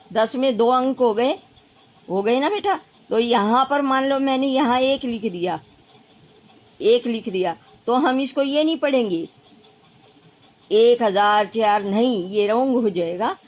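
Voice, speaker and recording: A woman primary school teacher explaining place value, patiently counting aloud and repeating steps for children. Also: fairly high pitch. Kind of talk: classroom math lesson.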